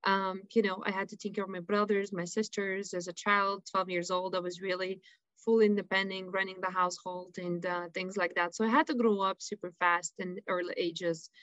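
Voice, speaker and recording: A woman from Lithuania with a Lithuanian accent, a guest telling her life story on a radio show in earnest, halting English. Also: medium pitch, level tone, a bit bright, no room sound. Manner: earnest, halting, with frequent fillers. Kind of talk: personal storytelling interview.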